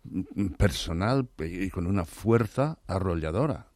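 A man speaking Spanish as a learned language, hoarse today, talking eagerly in an interview and often restarting or repeating words. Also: deep voice, lively intonation, unhurried, darkish tone, no room sound, clean studio sound. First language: not Spanish. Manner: enthusiastic, restarts words, many repetitions. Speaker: interview guest, literary scholar. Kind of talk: thoughtful conversational interview.

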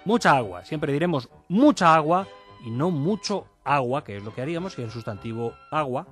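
A man's voice: a little high, expressive, moderate pace, fairly bright tone, faint music behind. A man explaining a grammar rule on a radio show, thinking aloud and repeating examples. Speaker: language columnist. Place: radio studio. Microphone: studio mic.

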